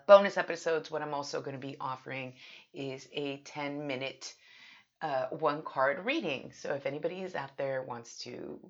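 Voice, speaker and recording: A low-pitched woman talks casually as a solo podcast host, chatty and self-deprecating. The recording is dull and lo-fi, made in a home bathroom.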